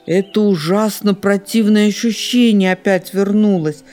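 Earnest young fox cub chief, read by a woman; slow, lively melody. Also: medium pitch, slightly rough, soft background music, voice pushed up, exaggerated voice.

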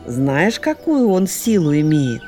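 Wise calm owl, read by a woman for a storybook; measured, slow, steady. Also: low-pitched, faint music behind, heavily acted.

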